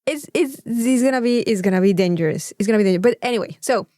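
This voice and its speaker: Speaking fast at a fairly high pitch with a dark tone, a woman co-hosts a podcast in casual chat full of anecdotes. Her first language is Spanish and she has a Mexican accent; she's effusive and repeats words for emphasis. The studio-quality recording has no room sound.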